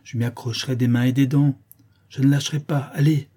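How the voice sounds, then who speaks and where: A man's voice: medium pitch, fairly even intonation, brisk, mellow, husky, lightly acted. A man voicing a vicious one-eyed old woman bandit in an audiobook, snarling and threatening. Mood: menacing.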